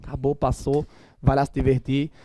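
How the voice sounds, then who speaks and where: A middle-aged man with a Northeastern Brazilian accent, lecturing a class in an emphatic, animated, colloquial way with blunt asides. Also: medium pitch, moderate pace, dry recording. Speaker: teacher.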